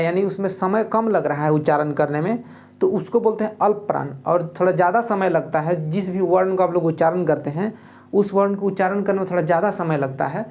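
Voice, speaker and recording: Jharkhand-accented guy tutoring for exams, patient, keeps saying ok, sounds out letters slow. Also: high voice, darkish tone. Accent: Jharkhand Hindi. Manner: explains patiently, repeats "ठीक है" often, sounds out letters slowly. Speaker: exam tutor. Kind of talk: spoken exam-prep lesson.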